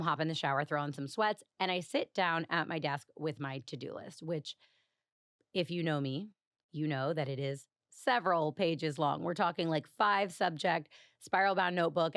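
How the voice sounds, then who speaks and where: Chatty, confessional woman podcaster, low-pitched. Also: moderate pace, a bit bright, dry recording, studio quality. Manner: chatty and confessional, heavy use of "like", frequent small laughs. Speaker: podcast host. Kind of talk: casual solo podcast storytelling.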